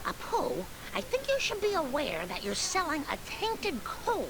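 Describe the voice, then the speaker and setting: An actress playing a harried middle-aged housewife and mother in a video game, with a raspy, gravelly voice, griping wearily or vowing to act. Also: high-pitched, wildly swooping pitch, moderate pace, full character voice, low-quality recording. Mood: determined. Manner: weary complaints, then determined resolve. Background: game music.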